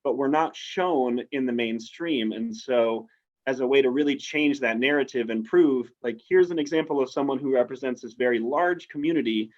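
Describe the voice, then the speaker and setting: A man from the United States with a mid-range voice talks at a normal speed as a guest in a casual interview over a video call. An outdoor adventurer, he sounds upbeat and persuasive. The audio is slightly dull and lo-fi.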